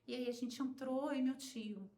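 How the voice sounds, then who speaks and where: Brazilian woman, podcast guest, animated emotional storyteller who acts out the people she quotes, slightly high voice. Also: moderate pace. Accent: Brazilian Portuguese. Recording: roomy echo.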